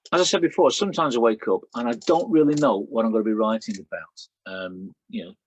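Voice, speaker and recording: This is a poetry reading with spoken introductions: a middle-aged Lancashire man, a poet, shares his work with casual asides and filler words in between. He has a lowish, slightly rough voice, captured in a dry, low-quality recording.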